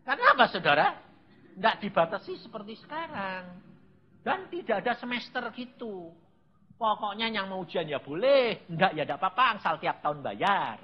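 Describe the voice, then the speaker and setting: A man, preaching a sermon through humorous, animated storytelling. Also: high-pitched, normal speed, a little hiss or hum. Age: 80s. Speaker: evangelist preacher. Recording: dull lo-fi sound.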